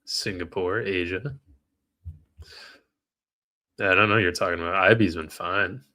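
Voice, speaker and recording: Deep-voiced and unhurried yet sharp in tone, this streaming trader reads viewers' comments and addresses chat directly, airing his frustration as trades go the wrong way.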